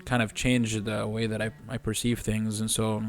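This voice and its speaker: At a moderate pace and in a lowish voice, a physical therapist in his twenties chats casually on a podcast while faint music plays. He comes across as earnest and steady, occasionally starting a thought over.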